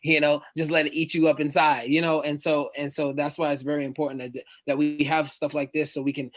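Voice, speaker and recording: A man's voice: fairly high pitch, little pitch movement, fairly quick. A young man on a discussion panel, talking casually and filling his speech with "like" over and over. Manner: casual, fills with "like" constantly.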